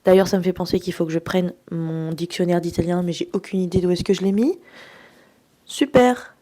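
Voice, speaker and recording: Young woman, tired, chatty vlog talk, self-mocking, mellow voice. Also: on the low side, steady tone, a little fast. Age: young adult. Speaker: student vlogger. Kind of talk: casual vlog chat to camera.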